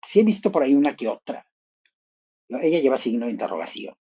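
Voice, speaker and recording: A man gives a playful, gossipy live commentary. He thinks out loud and breaks into sudden high exclamations. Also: very animated, a little fast, husky, highs cut off.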